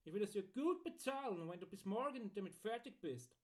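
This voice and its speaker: A man voicing an eager, secretive male singer in an audiobook story, with a lively delivery. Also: high-pitched, brisk, pitched above the performer's own voice. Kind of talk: audiobook character voice.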